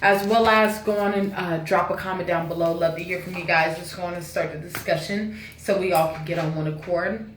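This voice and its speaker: A woman giving a casual channeled spiritual message to her viewers, relaxed and repetitive, with a preachy lilt. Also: on the low side, fairly quick, roomy sound, recorded from a distance, a little hiss or hum. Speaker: spiritual reader.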